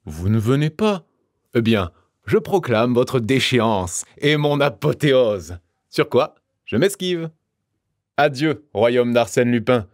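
A man voicing a confident, theatrical gentleman burglar who mocks his rival with exuberant flourishes in an audiobook. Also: medium pitch, sing-song, slow pace, no room sound, clean studio sound, pitched above the performer's own voice. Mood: gleeful mocking. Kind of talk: audiobook character voice.

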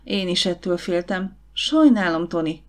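A self-assured young businesswoman, brisk and encouraging, as a woman narrator reads her. Her voice sits a little low, warm and direct in this audiobook. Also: animated, lightly acted.

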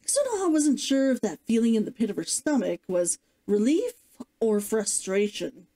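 A woman's voice: a little high, sing-song, normal speed, warm tone. A woman narrating a novel like an audiobook, reading expressively and dramatically as a streamer. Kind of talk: scripted storybook narration, audiobook-like.

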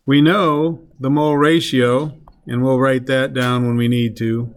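Guy teaching chem class, slow and deliberate, middle pitch, keeps quizzing the students. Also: steady tone. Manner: questions the class, works problems step by step. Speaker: chemistry teacher. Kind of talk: classroom lecture.

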